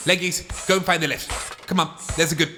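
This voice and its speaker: A man's voice: fairly high pitch, fairly even intonation, brisk. A British man performing a comic radio play with a blustering, laughing manner, music under his voice. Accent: British English. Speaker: comedy radio drama performer.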